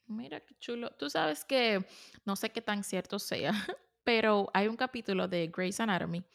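A woman hosting a casual conversation, asking questions and telling anecdotes in a lively way. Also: mid-range voice, moderate pace, creaky. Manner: animated storytelling with laughs. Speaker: host. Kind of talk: casual interview chat.

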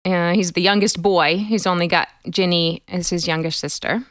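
A woman's voice: fairly low pitch, fairly even intonation, moderate pace, no echo, clean studio sound. A woman co-hosting a casual podcast, explaining things at length and laughing often. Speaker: podcast co-host.

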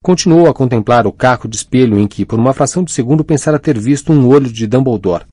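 A man reading a novel aloud as an audiobook narrator, in a measured, expressive way, on a close mic. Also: mid-range voice, slightly rough, no room sound. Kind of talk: scripted narration.

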